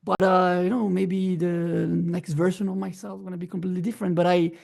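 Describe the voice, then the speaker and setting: A man's voice: sits high, little pitch movement, quick pace, vocal fry, a little mellow. A young man from Belgium, a musician guest, talking casually in with many fillers and restarts. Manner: hesitant, many restarts and fillers, non-native phrasing. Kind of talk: casual interview chat.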